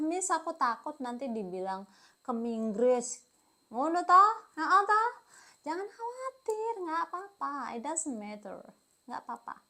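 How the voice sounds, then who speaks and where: A woman talks her viewers through a casual lesson. She sounds chatty and encouraging, with a voice pitched a little high for a woman. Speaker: English teacher. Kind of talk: casual teaching talk.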